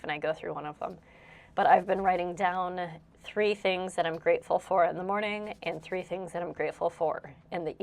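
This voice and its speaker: With a low, creaky voice and a slightly stuffy sound, a young woman chats casually as she cleans her house for her vlog. She rambles, teases herself, and breaks into laughter frequently.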